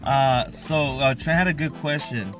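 A man's voice: mid-range voice, a little slow, faint music behind. A man in his thirties hosting a casual chat show, loose, joking and cursing. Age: 30s. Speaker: podcast host.

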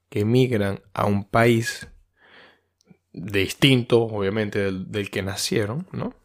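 A man's voice: medium pitch, darkish tone. A man from Venezuela with a Venezuelan accent, hosting a podcast in a casual, rambling monologue full of fillers and restarts. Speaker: podcast host.

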